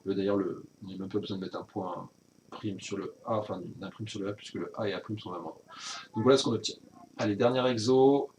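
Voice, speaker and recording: A man's voice: fairly low pitch, fairly even intonation, fast, darkish tone, slight background noise. A man teaching a recorded virtual class recap, explaining step by step with frequent hesitations and self-corrections.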